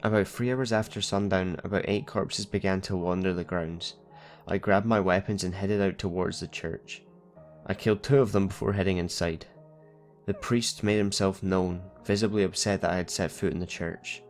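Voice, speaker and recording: A man narrating a horror story in a steady, measured first-person reading. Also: sits low, soft background music.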